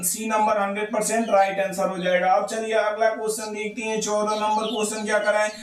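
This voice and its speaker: Tutor, male, monotone delivery, repeats each answer, roomy recording. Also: high voice. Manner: repetitive, drills answers with rhetorical questions. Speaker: teacher. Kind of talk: exam question walkthrough.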